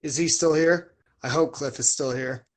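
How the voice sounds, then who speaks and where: A woman in her thirties with a slightly low voice co-hosts a casual podcast chat. She talks informally, in slang, with a joking streak. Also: moderate pace, a little mellow. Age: 30s. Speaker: podcast co-host.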